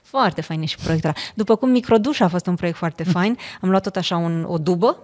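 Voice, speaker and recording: A middle-aged woman from Romania, a podcast guest, telling stories in a casual chat and often checking in with her listener. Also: on the low side. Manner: animated storyteller, often asks "știi?".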